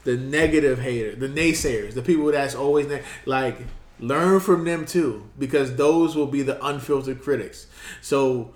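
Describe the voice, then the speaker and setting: A man with a mid-range voice gives earnest advice on a casual podcast. His delivery is relaxed and slangy. The recording carries a noticeable room echo. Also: mid-range voice, normal speed. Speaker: podcast co-host. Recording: roomy echo.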